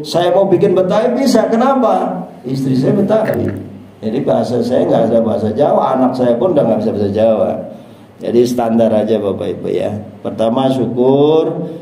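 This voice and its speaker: Older East Javanese preacher, dark-toned man, joking with his congregation, heavy room echo. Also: mid-range voice, animated, brisk, far from the mic. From East Java. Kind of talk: dawn religious talk. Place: prayer room. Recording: very echoey prayer room.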